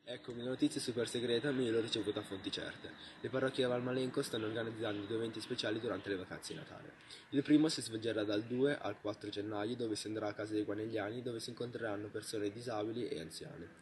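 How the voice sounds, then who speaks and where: An anonymous correspondent in a mock newscast, speaking through an electronic filter that pitches the voice down to disguise it, reading the announcements in a steady, plain way. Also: fast talker, a little hiss or hum. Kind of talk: read news report.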